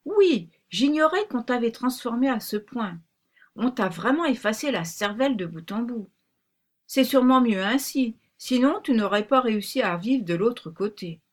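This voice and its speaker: A bossy talking pink rabbit, put on by a woman reading aloud, brisk and commanding, with a secretive edge. The voice sits a little above her own, in a storybook telling. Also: fairly high pitch, expressive.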